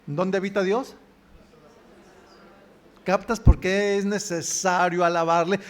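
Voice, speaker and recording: This man, a pastor, speaks slowly in a high-sitting voice with a flat delivery. Preaching a church sermon in a Mexican Spanish accent, he frequently asks the congregation questions and supplies the answers himself.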